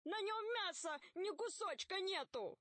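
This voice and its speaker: Woman doing a shrill frightened ogre. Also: animated, measured pace, a bit bright, dry recording, full character voice. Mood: protesting. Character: frightened whiny male ogre.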